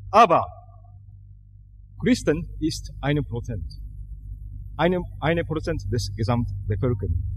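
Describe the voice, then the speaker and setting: A middle-aged man from Japan with a Japanese accent speaks slowly and hesitantly to a church congregation, searching for his words and filling the gaps with hums. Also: on the high side. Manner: slow, hesitant, searching for words with many fillers. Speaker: guest speaker at a church service. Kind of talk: halting speech to a congregation. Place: church hall. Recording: long hall reverb, faint hum.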